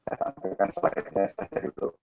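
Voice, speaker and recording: A man giving an online presentation, his voice cutting in and out over a choppy video call, talking haltingly with many fillers. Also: warm tone, dry recording, muffled recording. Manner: halting, with frequent fillers and restarts. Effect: choppy, breaking-up video call audio. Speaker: webinar presenter. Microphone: computer mic on a video call.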